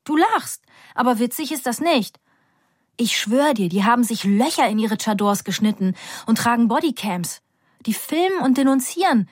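A woman reading aloud as a fiery young student, pitched higher and speaking with urgent, excited defiance. Her proud, outspoken lines come in a dry, close recording with no room sound. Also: moderate pace, no echo. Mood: defiant. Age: young adult.

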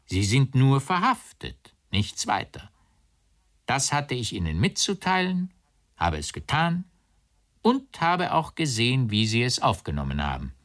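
A man voicing a cool, detached official who speaks in a measured, dry, condescending way. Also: mid-range voice, huge pitch swings, fairly bright tone, pitched above the performer's own voice. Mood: coolly dismissive. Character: cool, detached male official, middle-aged.

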